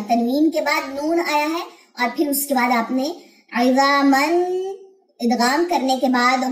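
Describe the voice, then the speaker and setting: A woman's voice: high-pitched, roomy sound. A woman teaching Quran recitation rules, explaining each point step by step and answering her own questions.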